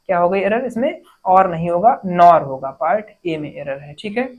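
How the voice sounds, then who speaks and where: Lady teacher running a grammar lesson, asks stuff then answers it herself, reads sentences out real slow. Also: lowish voice, lively intonation, a little mellow, breathy edge, lo-fi sound. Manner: explains step by step, asking and answering her own questions; reads English sentences slowly, word by word. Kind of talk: exam-prep grammar lesson.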